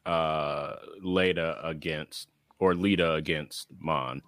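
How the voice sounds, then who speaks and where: A man co-hosting a casual podcast chat, thoughtful and hesitant, filling pauses with "you know". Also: rumbling low, fairly even intonation, fairly bright tone, no echo. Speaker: podcast co-host.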